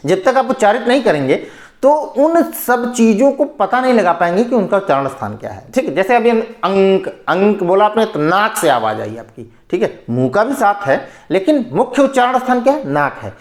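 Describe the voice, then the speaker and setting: A very animated man with a Hindi accent and a high voice teaches an exam-prep grammar lesson in a room with noticeable echo. He explains patiently, asks questions and answers them himself, and keeps checking in with a quick "okay," repeating "ठीक है."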